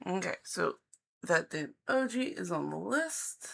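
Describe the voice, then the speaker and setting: A woman giving a live psychic-hotline style card reading, speaking in halting, deliberate phrases with an encouraging, reassuring manner. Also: on the low side, expressive, vocal fry, fairly bright tone. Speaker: live-stream tarot reader and host.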